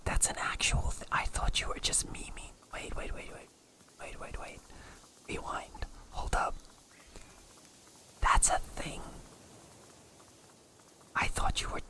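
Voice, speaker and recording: A game streamer whispering close to the microphone during a live stream, playfully teasing viewers and breaking into jokey, mock-outraged asides. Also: rough recording.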